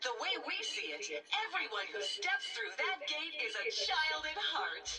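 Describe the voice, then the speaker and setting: A bright, bouncy female robot guide with a metallic, synthetic edge, her pitch sitting high and leaping all over the place. She sells like an eager theme park mascot in a game. The sound is set back from the mic, over background music. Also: big pitch swings, unhurried, recorded from a distance, crowd noise, full character voice. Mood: cheerful. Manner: sing-song, overly cheerful sales pitch.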